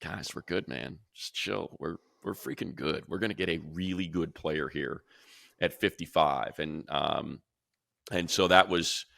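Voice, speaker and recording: Here the radio play-by-play announcer and co-host, speaking very low with a bright, forceful edge and some vocal fry, runs through football picks on a laid-back podcast. There's no room sound, and his delivery is quick, rambling and excitable, riddled with fillers and restarts.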